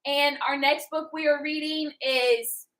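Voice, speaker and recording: High bright woman co-hosting a book chat. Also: fairly even intonation, measured pace, reverberant. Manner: playful, giggly, wraps up the show. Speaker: book club co-host. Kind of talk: casual book club chat.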